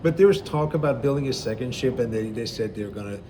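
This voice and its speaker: A middle-aged man from Belgium, a cruise director, answering interview questions in a relaxed, explanatory way with frequent fillers. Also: medium pitch, fast talker, background noise. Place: aboard a river cruise ship.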